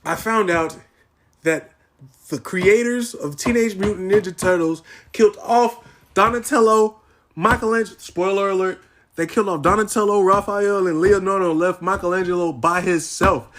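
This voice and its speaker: Slightly high-voiced young man, animated podcast rant. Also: moderate pace. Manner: animated, profane slang, mock-dramatic grief. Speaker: podcast host. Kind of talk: casual solo podcast rant.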